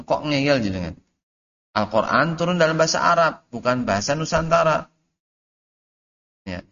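A man teaching Arabic grammar in class. He reads the Arabic text slowly, then explains it and quizzes his students. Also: mid-range voice, bright, forceful tone. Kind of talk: classroom lesson. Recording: dull lo-fi audio recording.

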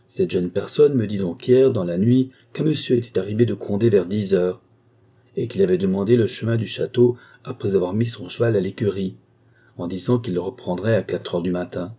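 The audiobook narrator, a man whose voice sits low and sounds mellow and slightly rough, speaks briskly. He portrays a cunning, obsequious adult valet given to lengthy, ceremonious talk.

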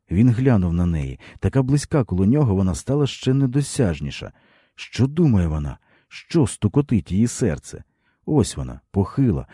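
A man with a very low, dark voice reads a literary story aloud. His delivery is expressive and dramatic, and his intonation rises and falls freely. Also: breathy edge, dry recording, clean studio sound. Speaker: narrator. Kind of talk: literary audiobook reading.

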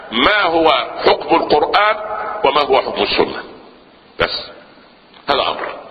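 A man preaching a lively sermon in an Egyptian accent, firing questions at his listeners, answering them himself and stumbling into restarts. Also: medium pitch, in a large hall, lo-fi sound. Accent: Egyptian Arabic. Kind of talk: Islamic sermon lesson.

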